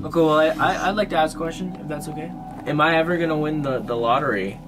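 A man's voice: on the high side, fast, music in the background. A man, chatting casually with friends. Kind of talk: casual chat among friends. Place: inside a cabin.

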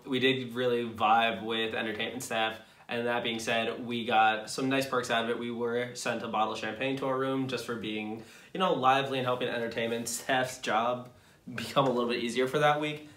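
A man's voice: mid-range voice, brisk. Laid-back young man in echoey room. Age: young adult. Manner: relaxed storytelling, laughs often. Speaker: vlog co-host. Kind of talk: casual chat to camera. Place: small indoor room, seated.

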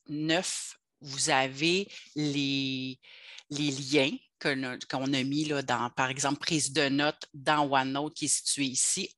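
Chatty Québécois workshop leader, bright voice. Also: mid-range voice, no echo, studio quality. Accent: Québécois French. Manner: chatty, explaining step by step. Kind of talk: online workshop presentation.

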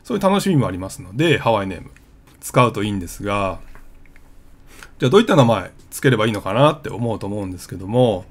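A man's voice: fairly low pitch, very animated, quick pace. A man hosting his travel vlog, explaining things in a casual, conversational way with plenty of fillers. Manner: chatty, conversational with frequent fillers.

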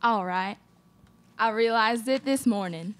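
A young woman with a slightly high voice, speaking a little slowly, plays an indignant, accusing wronged Western wife in a student radio play. The acting is light, she's on a close stage microphone, and there's no room sound.

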